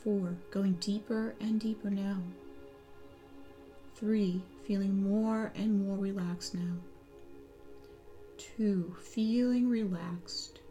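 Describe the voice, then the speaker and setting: A woman leads a hypnosis relaxation session in a slow, soothing, repetitive way, sometimes dropping to a near-whisper. Her voice is warm and mellow, sitting at an ordinary pitch. Soft music plays faintly behind her. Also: steady tone. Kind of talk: guided hypnosis relaxation script.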